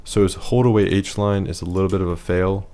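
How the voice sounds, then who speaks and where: Male presenter with a deep, hoarse voice, for a plain analytical voice-over. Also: fairly even intonation, fairly quick, mellow, slight background noise. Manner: matter-of-fact, rating things one by one. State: losing his voice.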